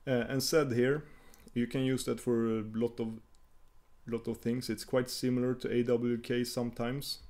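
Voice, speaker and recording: A man talks through a coding screencast in a mid-pitched voice, explaining each command as he types. He hesitates often and restarts his phrases, and keyboard clicks come through behind him. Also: flat delivery, normal speed, a little mellow. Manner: hesitant, many fillers and restarts while typing. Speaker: tutorial host.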